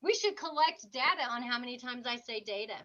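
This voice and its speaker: A woman's voice: on the high side, lively intonation, fairly quick, pushed and bright. A woman hosting a webinar over a video call, chatting casually and laughing often. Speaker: webinar host. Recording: dull lo-fi call audio.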